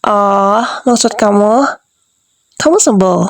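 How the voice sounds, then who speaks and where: A woman's voice: mid-range voice, slow pace, dry recording. A young woman voicing a clingy, manipulative wife in an ASMR role-play, doting at first and then questioning and defensive.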